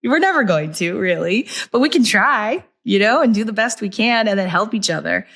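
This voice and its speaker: A woman's voice: medium pitch, animated, moderate pace, a bit bright. A woman, hosting a heartfelt conversational chat, reflective and full of casual fillers. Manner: reflective, uses many fillers like "like" and "you know". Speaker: podcast host and company founder.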